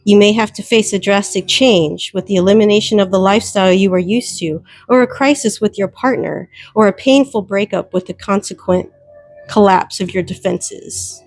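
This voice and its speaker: A woman's voice: medium pitch, normal speed, a little mellow, dry recording, soft background music. A woman giving a solo tarot reading, speaking emphatically, repeating her warnings and addressing viewers directly. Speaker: tarot reader.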